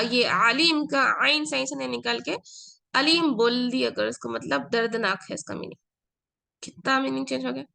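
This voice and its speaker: Gravelly-voiced woman teaching Arabic. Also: a little high, bright, forceful tone. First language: Urdu. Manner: explains patiently, repeats key words, mixes in English. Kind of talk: online class lecture.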